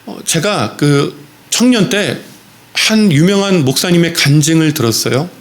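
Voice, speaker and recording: A man's voice: fairly high pitch, animated, a little slow. A male pastor preaching a sermon in a church, telling a story with repeated phrases and a few fillers.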